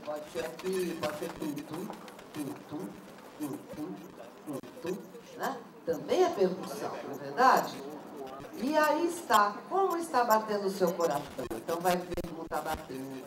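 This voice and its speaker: A woman, leading a workshop for teachers and firing questions at the audience. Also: lowish voice. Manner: lively, asks the audience questions. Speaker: teacher trainer. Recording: roomy, distant mic, noisy room.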